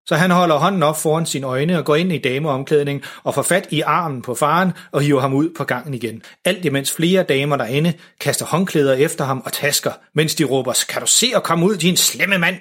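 A man narrating a children's story in an even, gentle way, with a husky voice. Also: on the high side, hardly any pauses.

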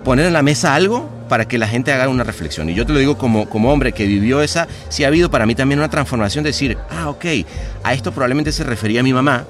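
A man's voice: medium pitch, animated, fast, faint music behind. Reflective Venezuelan man, rambling. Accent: Venezuelan Spanish. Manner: reflective, rambling with many restarts. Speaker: podcast guest. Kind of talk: casual conversation.

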